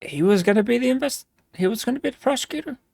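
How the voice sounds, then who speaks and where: A woman's voice: fairly high pitch, lively intonation, quick pace, gravelly, warm tone, no room sound. A woman hosting a reaction video, chatting and musing aloud in casual commentary.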